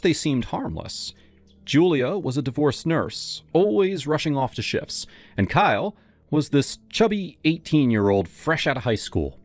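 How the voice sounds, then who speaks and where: A man narrating a horror story in the first person, in a dramatic, expressive way. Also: medium pitch.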